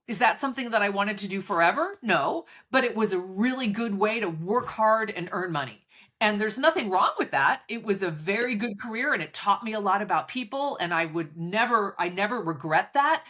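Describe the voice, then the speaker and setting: A middle-aged woman, an executive coach, answering interview questions in a candid, steady way. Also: medium pitch.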